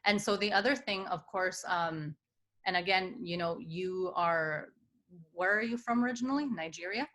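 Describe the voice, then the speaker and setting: Female podcast host, slightly low voice, reflective and teacherly. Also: normal speed, fairly bright tone. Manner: reflective, teacherly, steering questions. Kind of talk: casual podcast conversation.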